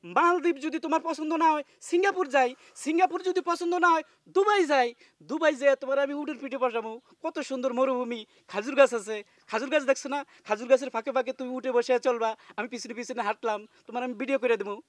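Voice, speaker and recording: Guy acting as a loudmouth bangladeshi husband, brags then yells threats, talks fast, dry close sound. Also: very high voice, dry recording. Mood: boastful. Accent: Bangladeshi Bengali. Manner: boastful, then bullying and shouting threats. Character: boastful bullying young husband. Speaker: husband in a short drama.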